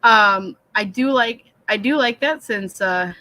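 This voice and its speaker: A woman hosting a late-night writing livestream from a home computer, chatting in a low, soothing voice, rambling and self-deprecating as she reads out the chat. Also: slow pace, no echo, low-quality recording. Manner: speaks low and soft, said to sound soothing. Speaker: livestream host of a writing session. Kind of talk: casual live-stream chat. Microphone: computer webcam mic.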